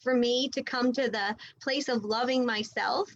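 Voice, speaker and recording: A woman's voice: fairly high pitch, fairly even intonation, unhurried. A woman on a panel discussion, reflecting on her own experience. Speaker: panel guest. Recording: dry, dull sound.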